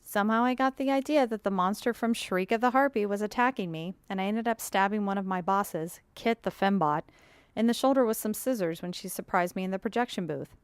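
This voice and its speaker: A woman's voice: mid-range voice, fairly quick, clear, resonant tone, no room sound, close to an everyday voice. A woman narrating an audiobook as a sarcastic, chatty young woman film archivist with a wry, resentful streak. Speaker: audiobook narrator voicing a blogger. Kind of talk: audiobook reading.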